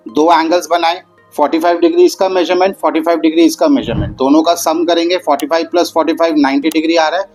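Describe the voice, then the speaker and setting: A man teaching geometry to students, mixing Hindi with English terms. He addresses the students kindly and slowly stretches out the key words. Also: fairly high pitch, a little mellow, rough recording. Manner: patient, addresses students as "beta". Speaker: math teacher.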